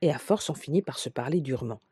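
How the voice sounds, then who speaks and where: A woman sophrologist leading a guided relaxation session, speaking softly and soothingly, sometimes dropping to a whisper. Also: rumbling low, lively intonation, husky. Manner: soft, slow, soothing guidance, drops to a whisper at times. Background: soft background music.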